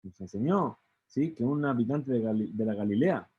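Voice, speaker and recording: A man's voice: medium pitch, expressive, moderate pace, slightly rough. A man teaching a Talmud study lesson who keeps asking "¿sí?" and trails off into hesitant fillers. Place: study hall. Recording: dull lo-fi recording.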